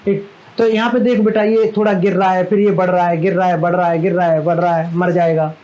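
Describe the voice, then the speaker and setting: A man with a notably high voice teaches maths to a live class. He talks in a chatty, fondly scolding way and keeps tossing questions at his students. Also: little pitch movement, brisk, a little mellow, dull audio.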